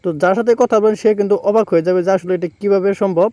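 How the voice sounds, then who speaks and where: A man's voice: high-pitched, fairly even intonation, rapid-fire, warm tone, no echo. A man hosting a phone app tutorial, explaining each step over a screen recording and repeating himself as he goes. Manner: repetitive step-by-step explaining, filler "কিন্তু". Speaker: tech tutorial host.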